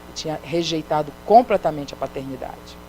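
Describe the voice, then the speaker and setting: A woman's voice: low-pitched, fairly quick, dark tone, a little hiss or hum, rough recording. Brazilian woman missionary telling a story. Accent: Brazilian Portuguese. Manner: retells a story, acting out the quoted dialogue. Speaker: missionary preacher. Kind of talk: storytelling sermon testimony. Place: church sanctuary.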